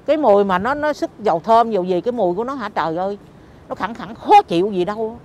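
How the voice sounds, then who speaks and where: An older woman from Vietnam with a Southern Vietnamese accent, chatting in an interview in an animated, exclamatory, complaining way. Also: medium pitch, fast. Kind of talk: casual chat. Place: apartment housing complex.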